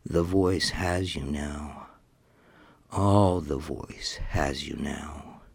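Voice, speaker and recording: A man narrating a scripted hypnotic induction, slow and repetitive, giving commands and dropping into soft whispers. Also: very deep voice, gravelly, slightly rough.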